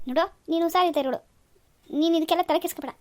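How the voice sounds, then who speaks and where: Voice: extremely high pitch, very fast. A stern old village man. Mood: scolding. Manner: scolding, lecturing. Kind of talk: cartoon dub.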